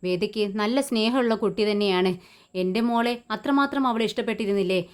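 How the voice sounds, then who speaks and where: A woman's voice: mid-range voice, a little fast, clean tone, natural voice. Woman reading as a lady sticking up for someone, earnest and firm.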